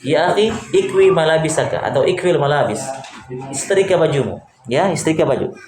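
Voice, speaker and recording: A man with a slightly high voice teaches a grammar class. He keeps firing questions at his students and echoes their replies. His voice rings around a reverberant room, with a faint hum underneath. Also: lively intonation, fairly quick. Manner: quizzes students and repeats answers.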